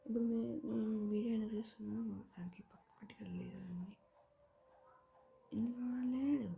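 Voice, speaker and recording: A woman hosting a gaming channel, giving casual gameplay commentary in soft, mostly whispered speech on a tablet mic. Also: on the high side, steady tone, fairly quick, creaky.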